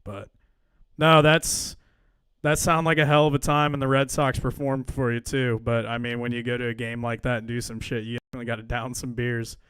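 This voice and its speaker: A man's voice: mid-range voice, flat delivery, a little fast, fairly bright tone, smooth, no room sound. A young man co-hosting a podcast in casual chat, laid-back and agreeable, swearing now and then. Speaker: podcast co-host.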